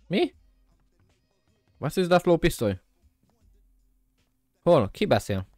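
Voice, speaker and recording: A man talking his viewers through a game in loose, casual commentary. He jokes to himself and to the audience, swears now and then, and keeps bursting into high, loud shouts when things go wrong. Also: very animated, dry recording, clean studio sound, soft background music. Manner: jokey self-talk to viewers. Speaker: gameplay commentator. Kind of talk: casual let's-play commentary.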